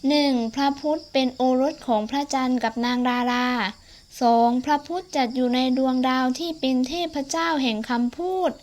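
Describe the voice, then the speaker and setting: A woman's voice: high-pitched, normal speed, darkish tone. A teenage girl explaining exam answers politely and step by step to classmates. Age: teens. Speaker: student tutor. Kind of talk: exam-prep lesson explanation.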